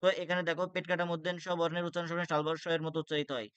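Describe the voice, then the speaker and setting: A man's voice: fairly high pitch, little pitch movement, very fast, a bit bright, smooth, no echo. A young man tutoring for an exam, reading rules aloud with many "ah" fillers and restarts. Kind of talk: exam-prep lecture.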